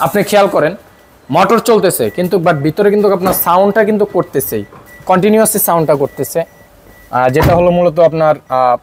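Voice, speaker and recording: Fairly high-voiced Bangladeshi mechanic explaining. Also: male voice, fast, slight background noise. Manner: explanatory, many filler sounds. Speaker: car mechanic. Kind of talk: workshop demonstration. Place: car repair workshop.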